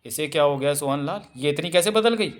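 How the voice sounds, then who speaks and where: A man's voice: on the high side, fairly quick, close to an everyday voice. A male narrator voicing a flustered, suspicious bachelor friend who asks puzzled, nervous questions in a storybook reading. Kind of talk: audiobook character voice.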